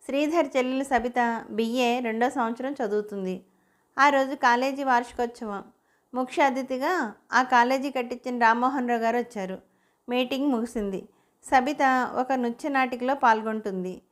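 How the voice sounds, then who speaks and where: A woman narrates a romantic story in a steady, even reading voice. Her pitch sits a little high for a woman.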